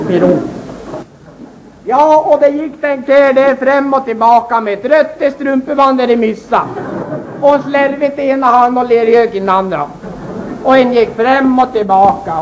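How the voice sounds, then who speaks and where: A man's voice: very high voice, slight background noise, rough recording. A man voicing an old rustic farmer who tells a rambling comic yarn in a folksy way, often calling to his listeners. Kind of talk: comic character monologue.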